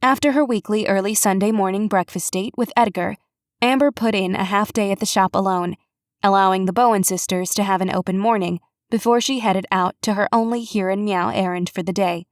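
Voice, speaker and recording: A woman narrates a mystery audiobook in a measured, even storytelling style, reading from a script. Her voice is mid-range, and the recording is dry and clean, with a studio sound.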